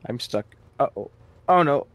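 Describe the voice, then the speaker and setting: Animated young man joking over a game. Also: medium pitch, normal speed. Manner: sweary, joking. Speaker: video game player. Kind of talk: casual gaming banter.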